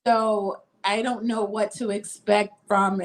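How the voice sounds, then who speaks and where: A woman's voice: mid-range voice, level tone, takes it slowly. A woman from Mississippi, a boutique owner, talking casually in an interview over a video call with frequent ums.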